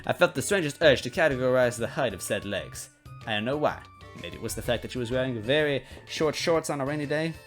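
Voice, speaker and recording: Over faint music, a medium-pitched man narrates a noir detective story in semi-dramatic style, his intonation lively and his pace brisk. As reader and host, he tosses in casual asides and occasionally trips over his lines.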